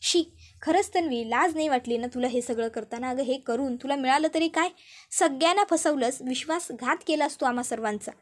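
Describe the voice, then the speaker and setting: A young mother, bitter and contemptuous toward a false friend, voice high, as a woman narrator puts her on. Soap-drama recap. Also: fairly quick, close to an everyday voice.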